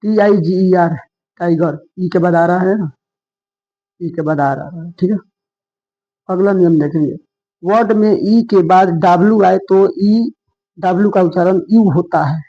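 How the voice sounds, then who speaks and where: A man's voice: high-pitched, measured pace, pauses often, husky. A man teaching an English lesson, spelling words letter by letter and patiently repeating each rule. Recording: dull lo-fi sound.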